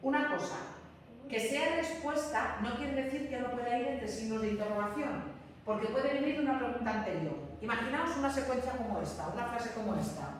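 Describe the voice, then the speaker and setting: A woman teaches a grammar lesson, repeating each rule and pausing to check that the class follows. Her slightly high voice comes from some distance off. The room has a long, ringing echo. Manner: repeats key rules, checks understanding with frequent "¿m?". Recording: echoey classroom from far off, faint room noise.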